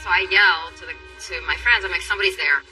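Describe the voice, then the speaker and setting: A woman's voice: fairly low pitch, fairly even intonation, a little fast. A woman interviewed for a news documentary, recalling events in an intense, emotional way. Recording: distant mic with music bed.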